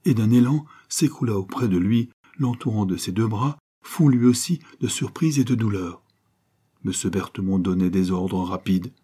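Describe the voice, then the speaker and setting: A man reading a nineteenth-century novel aloud in a measured, dramatic way, lifting his voice for the quoted cries. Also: on the low side, warm tone, husky. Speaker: audiobook reader. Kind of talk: scripted narration of a novel.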